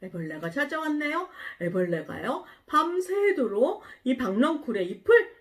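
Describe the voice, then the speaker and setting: Telling a Bible story during a children's sermon, a woman pastor is animated and asks the children questions. Her voice is high and her speed normal.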